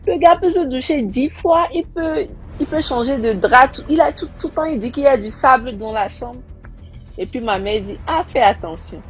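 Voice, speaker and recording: A woman's voice: high-pitched, moderate pace, soft background music. A young woman casually recounting a personal story, acting out the people she quotes. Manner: animated, acting out quoted voices.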